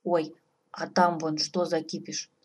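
A woman's voice: low voice, level tone, unhurried. Woman doing a curious cow elk. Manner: curious, questioning. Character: curious naive female elk.

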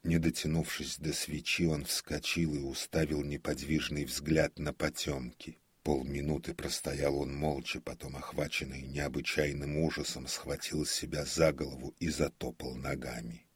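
A man narrating classic prose in a measured, dramatic audiobook reading. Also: a bass voice, level tone, husky, dry recording.

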